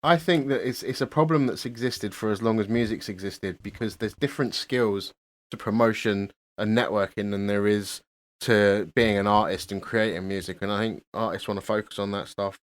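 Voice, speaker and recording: A man hosting a podcast, talking in a relaxed, halting way. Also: on the low side. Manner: relaxed, hesitant with many ums and restarts. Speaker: podcast host. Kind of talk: casual podcast chat.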